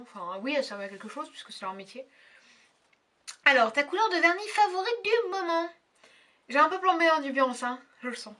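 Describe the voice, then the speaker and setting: Young female beauty vlogger, high bright voice, chatty and hesitant. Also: distant mic. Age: young adult. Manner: chatty, hesitant, many fillers. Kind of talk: casual tag video chat.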